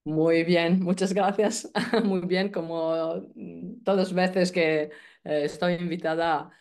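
A middle-aged Italian woman with an Italian accent, a guest on a video-call interview, speaking hesitantly with many pauses and fillers. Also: fairly low pitch, fairly even intonation, darkish tone. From Italy. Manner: hesitant, many fillers and restarts, laughs easily. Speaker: guest, music teacher.

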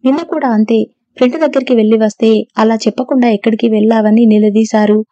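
Proud young wife with a sharp tongue, read by a woman in a low-energy, flat delivery on a dull, muffled recording. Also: fast, no echo, natural voice. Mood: defiant. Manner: sharp, retorting. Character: strong-willed young wife, proud and defiant.

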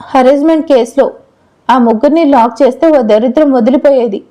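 A woman's voice: sits high, a little fast, dark tone, natural voice, poor audio. A woman doing a teasing young woman friend. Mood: furious. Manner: teasing, then heated.

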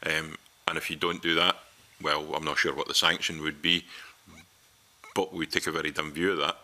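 A man's voice: extremely low pitch, level tone, moderate pace, pushed and bright. A middle-aged man with a Scottish accent giving earnest, persuasive evidence to a parliamentary committee from a desk microphone in a large committee room. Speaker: committee witness.

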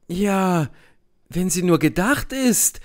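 A naive young woman wonders aloud, slow and puzzled, in a storybook reading, as a male narrator reads her part. The voice stays close to an everyday tone with a high pitch. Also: animated.

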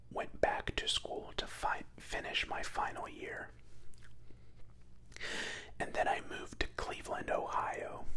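A young man from Florida whispering a rambling, self-doubting ASMR chat close into microphones. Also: sharp tone. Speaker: ASMR creator. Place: small home room with neon lights, indoors. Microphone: two studio mics close on either side.

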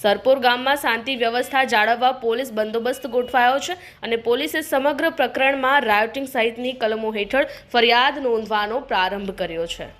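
A woman with a Gujarati accent reading a regional news bulletin in a formal, even newsreader style. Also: fairly high pitch, brisk, few pauses. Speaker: news reader.

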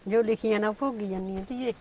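Older woman, mid-pitched, weepy complaining, family drama. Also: steady tone, fairly quick, dark tone. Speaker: mother-in-law in a family drama. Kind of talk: amateur family drama acting.

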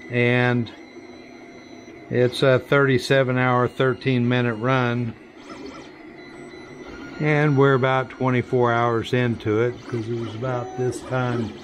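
A man running a 3D print farm, talking slowly and plainly step by step while he works in a workshop full of printers. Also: medium pitch, slight background noise. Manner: slow, plain step-by-step explaining while working. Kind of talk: hands-on workshop demonstration.

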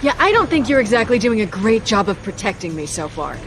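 An actress playing a sarcastic, quick-witted young woman in a video game, dry and flippant. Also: mid-range voice, very animated, background noise.

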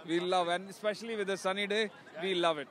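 A man's voice: high-pitched, fairly even intonation, fast talker, fairly bright tone. An effusive man answering a street interviewer outdoors. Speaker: passer-by.

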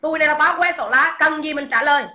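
A woman's voice: sits high, racing, bright, forceful tone. A woman with a Southern Vietnamese accent chatting on a livestream, dismissive and scornful. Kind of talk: casual livestream chat.

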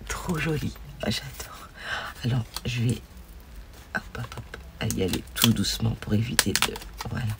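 Woman, crafting vlogger, casual mail-opening chat, gravelly edge, effusive, half-whispered asides. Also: rumbling low, unhurried, very noisy. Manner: gushing, often drops to a soft whisper. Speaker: scrapbooking vlogger.

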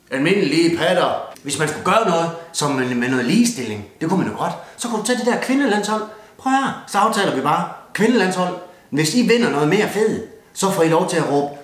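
A man's voice: a little high, roomy sound. A young man with a Jutlandic Danish accent ranting crudely and bluntly through a mock New Year's speech, cursing constantly and raising his beer. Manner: swears constantly, blunt and rowdy, toasts with a beer. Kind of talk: crude comic rant.

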